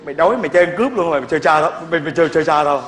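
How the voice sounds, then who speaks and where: A man's voice: on the high side, rapid-fire, natural voice. A man playing a bossy, preachy young vendor. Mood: scolding. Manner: scolding, repeats words, lectures loudly. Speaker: skit actor. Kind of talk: Vietnamese comedy skit acting. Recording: echoey room with faint music.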